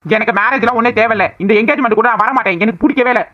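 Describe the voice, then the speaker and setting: A voice actor playing a lovesick young man who defies his family in an animated cartoon drama, talking in an earnest, pleading way. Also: medium pitch, racing, dull audio, close to an everyday voice. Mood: defiant.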